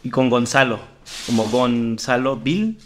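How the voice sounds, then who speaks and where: A man's voice: medium pitch, a little slow, a bit bright, slight background noise. A man hosting a casual podcast chat, teasing and rambling with restarts. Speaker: podcast host.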